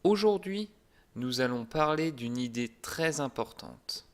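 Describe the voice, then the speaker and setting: A man teaching a language lesson in a calm, deliberate, clearly articulated way. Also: mid-range voice. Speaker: French teacher.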